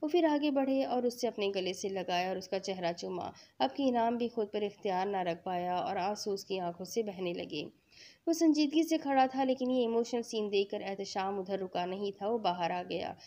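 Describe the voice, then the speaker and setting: Woman narrating a sad novel, mellow warm voice, steady and earnest. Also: mid-range voice. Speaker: novel reader. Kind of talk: reading an emotional novel aloud.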